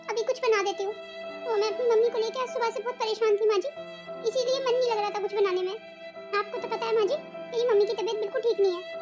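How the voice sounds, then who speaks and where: A woman voicing a long-suffering young daughter-in-law in a cartoon, plaintive and pleading. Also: very high voice. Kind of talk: melodramatic cartoon voice acting.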